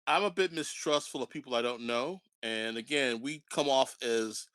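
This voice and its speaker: A man's voice: mid-range voice, moderate pace, fairly bright tone. A man playing a tabletop role-playing game, joking and laughing often as he slips in and out of his character. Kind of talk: casual play and table chat over voice chat.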